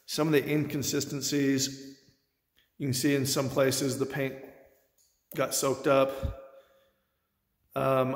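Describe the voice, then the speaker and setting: A man hosting a casual home improvement vlog, giving relaxed, rambling tips with lots of fillers, filmed on a handheld phone in an empty basement. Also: medium pitch. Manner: relaxed, rambling, filler-heavy how-to talk. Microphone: phone camera held by the speaker, off-screen. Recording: echoey bare room with long reverb.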